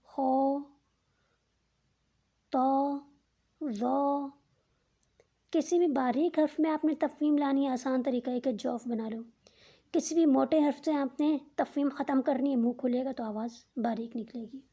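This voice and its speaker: A woman teaching a step-by-step Quran recitation lesson, speaking slowly and deliberately and drawing out each letter sound as an example. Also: high voice, steady tone, warm tone, breathy edge. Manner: patient, explains each rule twice in simpler words.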